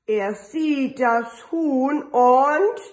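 A woman kindergarten teacher reading a picture book aloud to children, telling the story slowly with sing-song refrains. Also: high-pitched, a little mellow.

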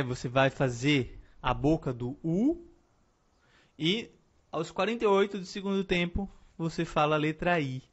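A man's voice: a little high, lo-fi sound. A man teaching French pronunciation in a video lesson, explaining patiently and often tagging his sentences with a questioning "right?".

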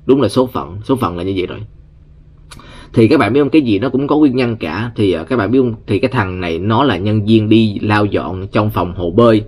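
Vietnamese male vlogger, lowish voice, chatty storyteller who acts out the people he quotes. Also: fairly quick. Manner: chatty, keeps addressing viewers, animated quoted voices. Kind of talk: casual storytelling commentary. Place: United States.

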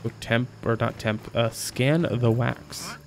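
A man's voice: medium pitch, steady tone, slow pace, faint music behind. A man streaming a video game, thinking aloud in a rambling, jokey way. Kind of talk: casual gameplay commentary.

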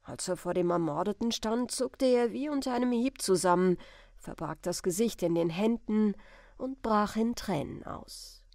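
A woman reading a classic adventure story aloud as a bedtime audiobook, calm and expressive. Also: medium pitch, moderate pace, creaky, no room sound, clean studio sound. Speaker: audiobook reader.

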